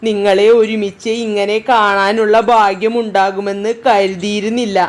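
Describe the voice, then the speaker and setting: A woman's voice: medium pitch, flat delivery, moderate pace, lightly acted. A woman voicing an old, emotional grandmother in a spoken story. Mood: tearful.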